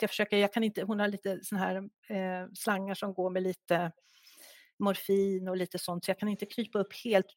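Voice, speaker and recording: A middle-aged woman, a guest author in an interview, telling a personal story in a soft, halting, reflective way. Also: medium pitch, no echo, clean studio sound.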